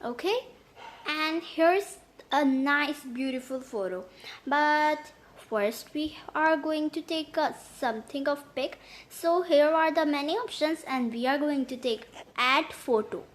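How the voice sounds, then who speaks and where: A woman hosts a step-by-step tutorial in a high voice. She goes slowly, with halting phrasing that often repeats itself as she explains each step. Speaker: tutorial host. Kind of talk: step-by-step app tutorial narration.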